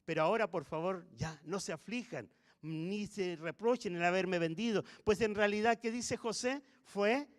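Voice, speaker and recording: A man's voice: sits high, moderate pace, lightly acted. Preacher playing a tearful man revealing himself. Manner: tearful, pleading. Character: weeping man revealing himself to his brothers. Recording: echoey church hall.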